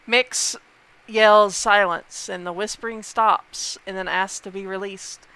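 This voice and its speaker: A man running a tabletop game as dungeon master, narrating slowly and drawing out his lines over a voice call. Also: high voice, steady tone, sharp tone, clean tone. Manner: slow, drawn-out narration.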